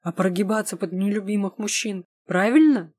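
A woman's voice: on the low side, normal speed, darkish tone, breathy edge, dry recording. A woman reading the part of a proud, hot-tempered young vampire empress who snaps demands and then pleads. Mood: angry.

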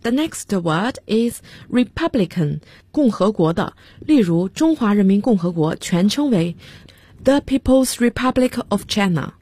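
A woman's voice: mid-range voice, lively intonation, a little slow, dark tone, breathy edge. A woman teaching English vocabulary on a radio lesson, spelling words out letter by letter and giving example sentences.

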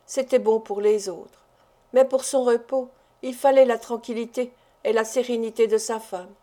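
Woman narrator, classic novel audiobook, measured reading, fairly high mellow voice. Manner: measured, deliberate literary reading. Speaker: audiobook reader.

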